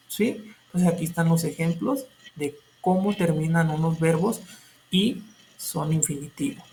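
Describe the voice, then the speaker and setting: A man's voice: high voice, a little mellow, slight background noise, poor audio. A male teacher explaining a grammar lesson step by step, patiently repeating points and checking in with short tag questions. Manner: patient, repetitive explanations with filler tags and self-corrections.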